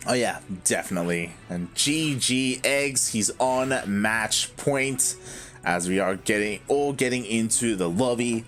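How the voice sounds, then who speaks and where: A man's voice: mid-range voice, measured pace, fairly bright tone, soft background music. A man working as an esports commentator, bantering casually with a co-caster.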